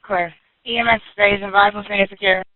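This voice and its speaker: A police dispatcher heard over a walkie-talkie: a man with a high, level voice that barely rises or falls. He speaks in brisk, clipped code-speak, and the channel sounds tinny and dry. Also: level tone, no echo. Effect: heard over a police walkie-talkie radio. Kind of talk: police radio traffic.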